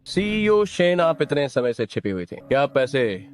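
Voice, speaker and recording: A man dubbing a cold debt collector who makes measured threats. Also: medium pitch, big pitch swings. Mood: menacing. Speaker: dubbed actor. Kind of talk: dubbed short-drama acting. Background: background music.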